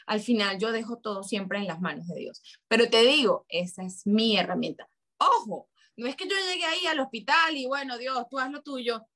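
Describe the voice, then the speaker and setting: A woman's voice: medium pitch, fairly bright tone. A middle-aged woman telling a personal story in a heartfelt conversation, acting out her own quoted words. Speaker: guest.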